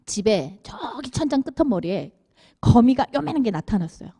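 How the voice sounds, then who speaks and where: A woman giving a children's sermon, animated and asking the kids questions as she tells the story. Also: fairly high pitch, normal speed, husky. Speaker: children's minister.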